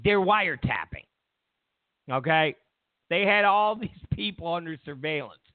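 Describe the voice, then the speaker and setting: A man's voice: a little high, animated, measured pace, no echo. A male show host giving a mocking, sarcastic political rant and laughing in the middle of sentences. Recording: tinny phone-like dry sound.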